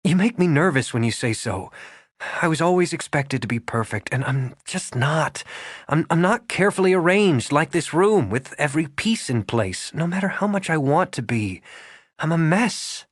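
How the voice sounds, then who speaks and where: A man voicing an anxious young woman who is orderly yet flustered, speaking fast and rising in pitch. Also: lively intonation, slightly rough, no room sound. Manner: quick, rising, flustered delivery. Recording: dry close studio sound.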